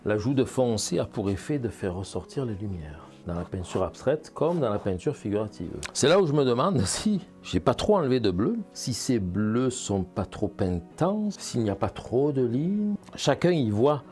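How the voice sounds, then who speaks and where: Dark-voiced painter chatting through his work. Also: medium pitch, very animated, moderate pace, faint music behind. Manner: chatty, thinks aloud, addresses viewers with "hein" and "vous voyez". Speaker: painting instructor. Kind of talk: casual painting demonstration.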